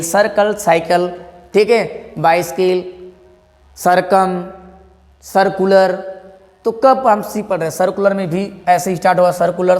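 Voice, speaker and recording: A man teaches English pronunciation in a classroom lesson. He fires questions at his class, answers them himself and goes over each word again and again. His voice rings with a long reverb. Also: high voice.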